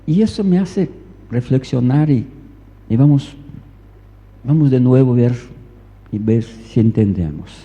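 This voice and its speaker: A man's voice: mid-range voice, expressive, unhurried, long pauses, warm tone. A man preaching a sermon in a church hall, telling a story and repeating phrases for emphasis, recorded with a reverberant, dull lo-fi sound.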